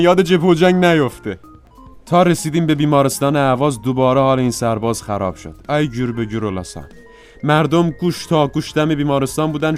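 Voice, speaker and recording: A man's voice: on the high side, clean tone, close to an everyday voice. An actor playing a hapless, bandaged wounded soldier who moans and complains as he tells his misfortunes. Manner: moaning, complaining comic storytelling.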